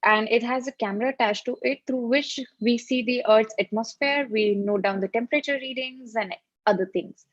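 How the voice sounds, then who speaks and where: Woman, Indian accent, fairly high voice, slide presentation, dry dull recording. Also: normal speed, hardly any pauses, no room sound. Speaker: company presenter.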